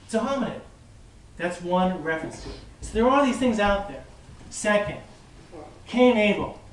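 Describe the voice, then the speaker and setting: A man, a rabbi, giving an informal classroom lecture, lively and conversational, joking with and quizzing his listeners. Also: sits high, moderate pace. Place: classroom or study hall. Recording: echoey room, mic far off, faint background hiss.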